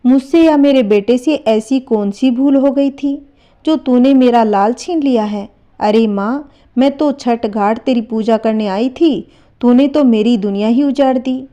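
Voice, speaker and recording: A devout old mother cries out and pleads in a mellow, slightly raised voice, done by a woman telling the tale. She laments in a broken, wailing way. The lines belong to a spoken folk story. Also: a little high, measured pace, dull audio, lightly acted. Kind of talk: storytelling narration.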